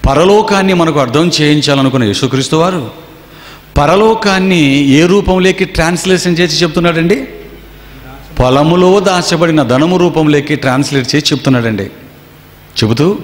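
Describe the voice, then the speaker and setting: A man preaching a sermon to a gathering. He tells stories and keeps firing rhetorical questions at his listeners. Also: a little high. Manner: storytelling with rhetorical questions to the audience. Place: seminar hall. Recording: echoey hall with long reverb.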